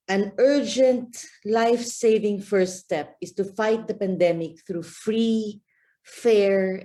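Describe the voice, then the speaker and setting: A woman from the Philippines with a mellow, medium-pitched voice speaks as a guest speaker and campaign manager. She gives an earnest talk at a press briefing over a video call, using frequent fillers.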